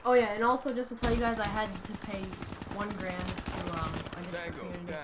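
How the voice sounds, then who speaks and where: A teenage vlogger casually telling a story in a rambling, joking way. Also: female voice, medium pitch, flat delivery, fast talker, background noise.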